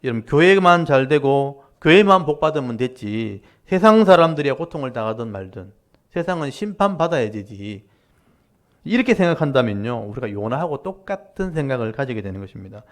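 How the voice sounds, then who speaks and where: A man, a pastor, preaching a sermon and explaining scripture to his congregation in a direct, conversational way, with lively rises and falls for emphasis. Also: mid-range voice, fairly quick. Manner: animated preaching with rising and falling emphasis. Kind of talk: Korean Wednesday-service sermon.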